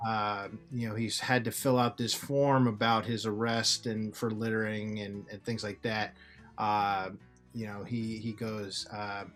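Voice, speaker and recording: A man co-hosting a music talk show, recounting at length with hesitant, halting phrasing. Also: on the low side, level tone, fairly bright tone. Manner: hesitant, many fillers and restarts while recounting. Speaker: podcast co-host. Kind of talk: casual chat.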